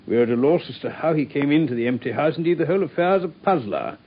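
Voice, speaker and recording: A man's voice: a little high, animated, racing, husky. An actor playing a polite, earnest male doctor in a radio drama, with a courteous, somewhat hesitant way of talking. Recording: dull old radio broadcast.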